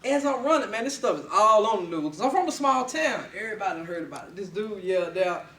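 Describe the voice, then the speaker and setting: Young guy telling his story to a class, high lively voice, echoey room, kinda far from the mic. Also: fast, a little hiss or hum. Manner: animated storytelling with laughs. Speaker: student speaker. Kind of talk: personal story speech.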